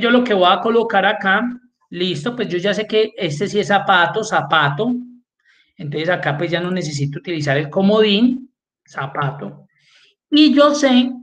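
A spreadsheet course instructor teaches an online class, guiding his students through every step and checking in with them along the way. His voice sits high and sounds a bit bright.

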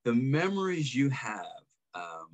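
A man's voice: mid-range voice, big pitch swings, slow pace. A man, an army veteran, casually telling a story from his service in a conversational way with chuckles between lines.

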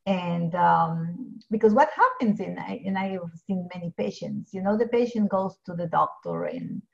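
Over dull, lo-fi video call audio, a middle-aged pharmacist from Ecuador talks earnestly, full of fillers and restarts. She sits in a home office lined with bookshelves. Her voice is low-ish and very animated, with vocal fry and a measured pace.

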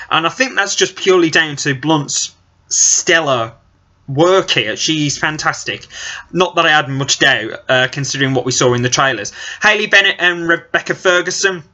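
A man's voice: on the high side, bright, forceful tone. A young man giving a casual film review from a small office, talking earnestly with frequent "I think" hedges into a webcam. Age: young adult. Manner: earnest, gesturing as he talks, many "I think" hedges. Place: small cluttered office indoors. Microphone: built-in webcam mic at desk distance. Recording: dull lo-fi webcam audio.

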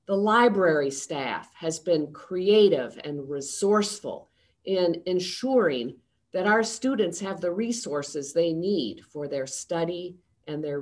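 A woman in her sixties, a seminary president, giving a prepared address over a video call from a home study. She speaks in a measured, formal and steady way. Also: lowish voice. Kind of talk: prepared address to a town hall.

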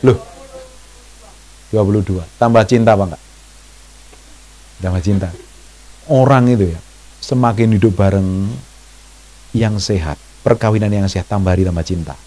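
A man preaching a sermon. His delivery is animated and conversational, full of questions to the congregation. He often jumps into high, mocking voices when he quotes people. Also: normal speed, long pauses. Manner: chatty, asks the congregation questions. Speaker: pastor.

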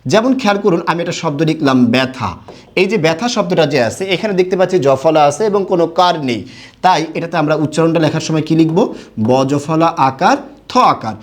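A young man teaching a Bengali grammar lesson, asking questions and answering them himself. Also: fairly high pitch. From Bangladesh. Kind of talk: recorded classroom lesson.

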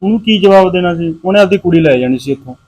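An actor playing a surly young husband who drinks, speaking with a Punjabi accent and curt defiance. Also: male voice, sits high, fast, darkish tone, poor audio. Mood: defiant. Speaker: husband and son. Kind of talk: short film drama acting.

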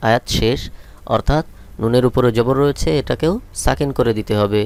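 A man's voice: mid-range voice, a little fast, a little mellow, clean tone. A man teaching Quran reading, spelling out letters and vowel marks one at a time and then drawing out each chanted word. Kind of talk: slow spelling-out lesson with translation.

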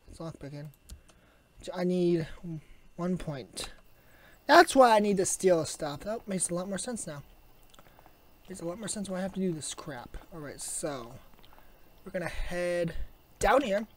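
Raspy sick youtuber muttering thru a game, mid pitch, some faint keyboard clacking behind. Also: a little hiss or hum. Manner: mutters and grumbles to self, chatty asides. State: sick with a sore throat, coughing. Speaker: gaming YouTuber. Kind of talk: casual gameplay commentary.

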